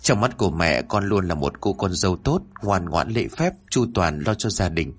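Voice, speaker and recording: A man's voice: deep voice, big pitch swings, normal speed, slightly rough, heavily acted. A man voicing a kind older mother-in-law. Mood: reproachful. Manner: warm, gently scolding.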